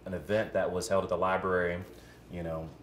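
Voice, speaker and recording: A man's voice: deep voice, level tone, fairly quick. A man hosting an event Q&A, relaying audience questions to the guest in short paraphrases. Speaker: event host and moderator. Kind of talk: moderating an audience Q&A. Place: coworking space event. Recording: echoey room with faint noise.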